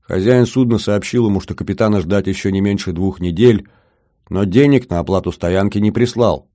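Deep-voiced male audiobook narrator. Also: moderate pace, dark tone, dry recording, clean studio sound. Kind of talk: first-person audiobook narration.

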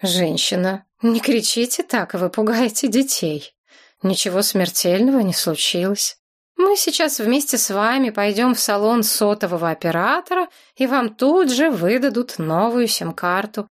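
A woman voicing a calm, polite middle-aged man who speaks in an unruffled, soothing way. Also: mid-range voice, moderate pace, lightly acted.

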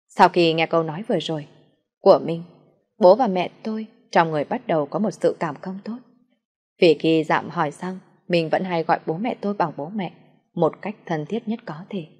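A woman with a low voice narrating a family drama. Her storytelling is calm and measured, like an audiobook. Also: slightly rough, big-room sound.

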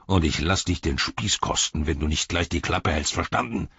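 A hulking orc soldier barks bullying threats in a deep, husky voice, as a male storyteller puts him on. The recording is dry and dull. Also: moderate pace, a bit bright, dry recording, full character voice.

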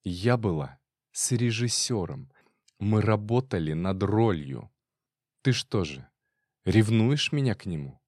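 Cool defiant wife read by a man, low voice, dry close sound, audiobook. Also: takes it slowly, no echo. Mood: calm scornful. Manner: cold, calm, then sharp.

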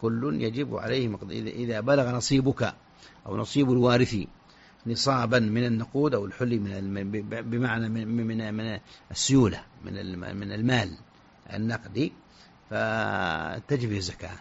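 Low, gravelly, husky-voiced man, a scholar answering listener questions quickly but haltingly, with a dull lo-fi radio sound. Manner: halting, repeats words while searching for them.

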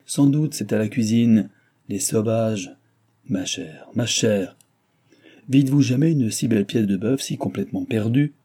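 A man voicing a fussy, complaining middle-aged gentleman who scolds in an indignant, peevish manner. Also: lowish voice, measured pace, slightly rough. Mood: scolding.

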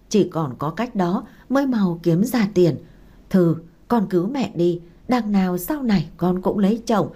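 A woman voicing a desperate middle-aged mother in a read-aloud story, pleading slowly and tearfully. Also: medium pitch, dark tone, breathy edge.

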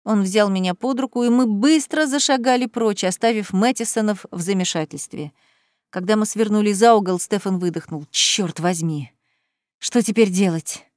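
A woman narrating a first-person audiobook in a calm storytelling manner. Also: medium pitch, no echo, clean studio sound.

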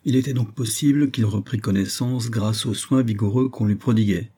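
A man narrating an audiobook in a measured, expressive reading. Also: lowish voice, husky.

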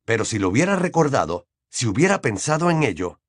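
A man reading a novel aloud as an audiobook narrator, in measured storytelling. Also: mid-range voice, very animated, no room sound, clean studio sound. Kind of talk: scripted narration.

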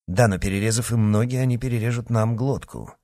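A man voicing a bold, quick-witted young male musketeer who talks briskly and confidently. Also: mid-range voice, a little mellow, no room sound, clean studio sound, close to an everyday voice.

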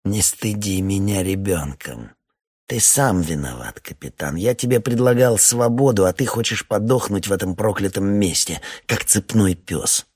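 A man voicing a ruthless, scheming Soviet army major who mocks and yells threats in an audiobook. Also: low-pitched, wildly swooping pitch, unhurried, vocal fry, long pauses, breathy edge, full character voice. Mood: contemptuous. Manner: mocking, then yelling threats.

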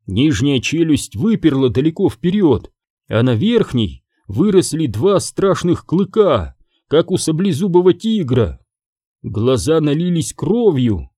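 A man narrates a fairy-tale adventure with a lively, widely moving voice. His tone is dark and mellow, and the close, dry recording has no room sound. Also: a little high, unhurried, husky, no echo. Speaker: audiobook reader. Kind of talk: storybook narration.

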